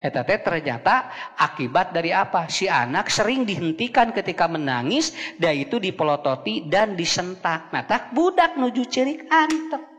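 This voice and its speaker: A man's voice: sits high, sing-song, moderate pace, fairly bright tone. A man with a Sundanese accent giving a humorous sermon, joking with the congregation and switching between two languages. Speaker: preacher. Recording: long hall reverb.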